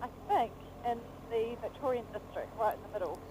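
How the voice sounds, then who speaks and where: A woman's voice: on the high side, lively intonation, a little fast, warm tone. A woman with a broad New Zealand accent chatting casually and playfully in slang, often repeating her phrases. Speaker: motorbike travel vlogger, passenger. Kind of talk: casual chat. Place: outdoors on a moving motorbike. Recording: noisy vehicle ride, motorbike helmet audio. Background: engine and road noise.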